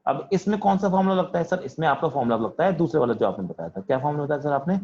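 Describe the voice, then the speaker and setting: A man's voice: on the high side, very animated, racing, a little mellow, muffled recording, a little hiss or hum. A man teaching physics in an online class, asking questions and answering them in a student's voice, calling on students by name. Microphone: video call.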